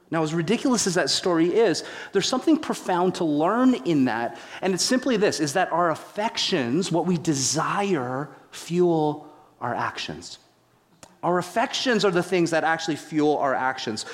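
A man's voice: on the high side, in a large hall. A male pastor giving a sermon, telling a story with playful humor and big swings in his voice.

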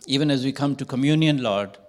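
An older man, a church elder, leading a solemn congregational prayer and repeating "Lord" often. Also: medium pitch. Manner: slow, solemn, measured praying with repeated "Lord".

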